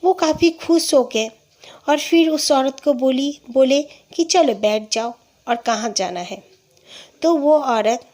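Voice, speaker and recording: A woman's voice: a little high, a little mellow. A woman casually telling a horror story about her father, speaking the quoted lines in her own voice and stumbling into fillers and restarts now and then.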